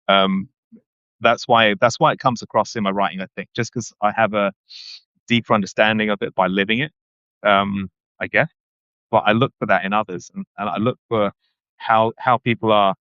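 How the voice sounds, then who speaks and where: A man, a guest speaking thoughtfully in a casual interview, often pausing and restarting. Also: fairly low pitch, a bit bright, no room sound. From London, England. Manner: reflective, hesitant with many restarts and ums. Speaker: guest, running writer. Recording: dull, dry lo-fi audio.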